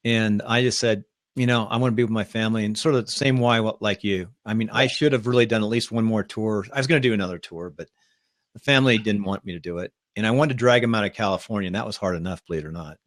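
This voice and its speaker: A man hosting a live online talk show, chatting casually in a rambling, upbeat way and pitching his ideas to guests. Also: fast, no echo, clean studio sound. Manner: rambling, upbeat, self-promoting. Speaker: podcast host. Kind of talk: casual live-stream chat.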